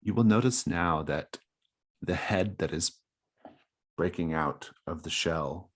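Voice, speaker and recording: Male game master, deep and slightly husky, improvising tabletop narration in a halting, thoughtful flow. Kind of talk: running a tabletop role-playing game.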